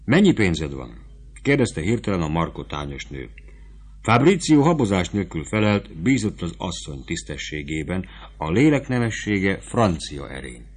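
A man reading a classic novel aloud as audiobook narrator, in a steady, measured way. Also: deep voice, husky. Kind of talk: scripted narration.

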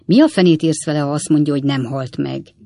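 A woman voicing a blunt, gruff old country host and father in a storybook reading. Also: on the low side, lively intonation, dry recording, clean studio sound. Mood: brusque. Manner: brusque.

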